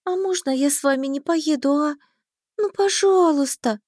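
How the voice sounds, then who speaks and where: A woman reading an audiobook voices an excitable, timid young heroine who pleads in an emotional way. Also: sits high, normal speed, no echo, clean studio sound, pitched above the performer's own voice, natural voice. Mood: anxious. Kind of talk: audiobook character voice.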